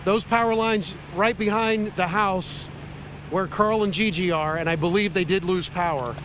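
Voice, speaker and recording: A man's voice: sits high, fairly even intonation, moderate pace. A man reporting live from outdoors in a storm, raising his voice over the wind in an unscripted account. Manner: raised voice over strong wind. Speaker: field reporter. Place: outdoors on a residential street in a storm. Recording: loud hurricane wind noise outdoors. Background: howling wind.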